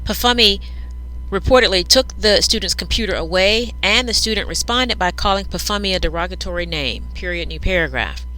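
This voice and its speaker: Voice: medium pitch, brisk, bright, forceful tone, poor audio. A news reader dictating a script aloud, speaking each punctuation mark and paragraph break between the sentences.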